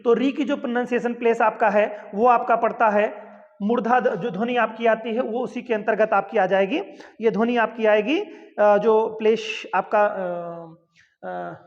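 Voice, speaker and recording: A man teaching a Hindi grammar lesson for exam prep. He calls viewers his friends, recites letters one by one, and keeps checking in with "theek hai". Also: very high-pitched. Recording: dull lo-fi sound with long reverb.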